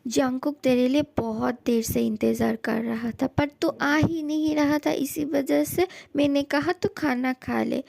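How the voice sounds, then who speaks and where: A woman voicing a scolding, soft-hearted mother. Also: high-pitched, fairly even intonation, a little slow, vocal fry, heavily acted. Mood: reassuring. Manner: scolding, then fussing and bossy. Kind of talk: fan dub audio drama.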